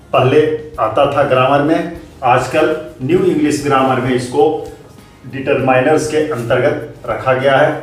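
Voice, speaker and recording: A man teaching grammar as a lesson, explaining slowly and deliberately. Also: mid-range voice. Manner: slow, deliberate explaining with drawn-out words. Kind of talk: classroom lesson. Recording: very echoey room, voice from far off, faint music.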